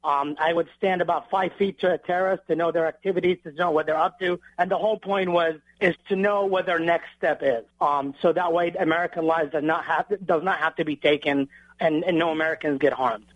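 Measured Iraq-born man, dull dry line. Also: on the high side, steady tone, no echo. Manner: measured, with many um and uh fillers. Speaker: guest author. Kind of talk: earnest interview answer.

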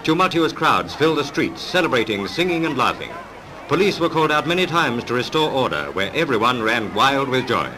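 A man's voice: mid-range voice, big pitch swings, brisk, poor audio. A man narrating an old 1940s newsreel clip with a dramatic announcer delivery. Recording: newsreel narration over loud music.

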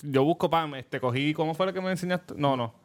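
A man with a Puerto Rican accent, a podcast co-host chatting casually, joking and jumping in with quick remarks. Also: fairly high pitch. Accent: Puerto Rican Spanish. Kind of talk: casual chat.

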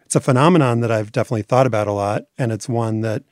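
A man interviewed about his documentary series, explaining in articulate, measured terms. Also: medium pitch, a little mellow, no room sound, clean studio sound. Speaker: documentary series maker as guest. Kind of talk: conversational interview.

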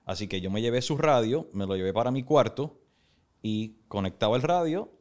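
A man who is a radio executive, a guest on a podcast, telling stories from his life in a relaxed, personal way. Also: mid-range voice, normal speed. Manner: relaxed, personal storytelling with English interjections. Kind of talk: casual interview storytelling. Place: podcast studio.

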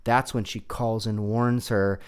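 A man co-hosting a casual chat about films, relaxed and joking, thinking aloud as he goes. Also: lowish voice, unhurried, smooth. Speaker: podcast co-host. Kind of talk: casual film review chat.

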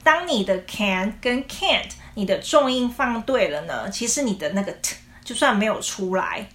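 A woman English teacher explaining pronunciation patiently, saying English phrases slowly as examples. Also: mid-range voice, lively intonation, a bit bright.

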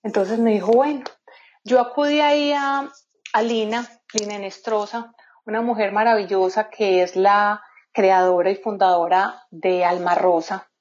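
A woman's voice: medium pitch, fairly even intonation, moderate pace, a little mellow. A woman guest in an interview, telling a personal story in an earnest, heartfelt way. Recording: slightly dull lo-fi sound.

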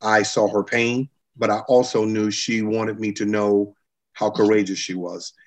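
A man's voice: lowish voice, little pitch movement, unhurried. A middle-aged or older man giving personal recollections in an interview. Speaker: interviewee recalling his grandmother. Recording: slightly dull interview audio.

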